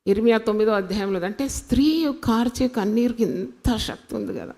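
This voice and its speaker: A woman preaching a sermon in a call-and-response style, asking the congregation questions and swinging between loud and soft delivery, with phrases. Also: a little high, brisk, gravelly.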